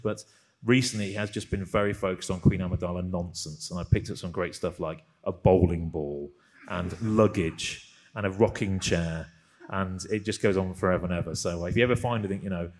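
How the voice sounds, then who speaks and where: A man with a low voice hosts a podcast live in front of an audience. He is chatty and self-mocking, and his talk is loose and full of fillers. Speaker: podcast host.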